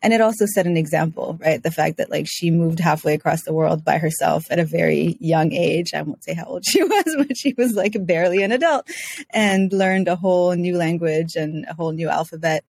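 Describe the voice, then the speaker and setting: A woman's voice: lowish voice, a little fast, gravelly, darkish tone, husky, dry recording. A woman from Switzerland chatting as a podcast guest, full of fillers and restarts. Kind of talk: casual interview talk.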